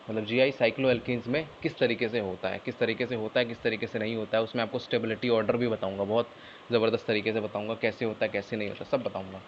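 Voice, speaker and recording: A man's voice: mid-range voice, highs cut off, slight background noise. A male chemistry teacher giving an online lecture in Hindi with English technical terms mixed in, explaining step by step and often answering his own questions.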